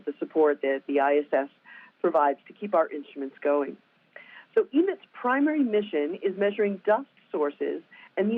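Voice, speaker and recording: A woman science director giving upbeat prepared remarks at a press briefing, with occasional fillers. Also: on the low side. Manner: upbeat, lightly scripted with some fillers. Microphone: telephone. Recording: tinny phone line.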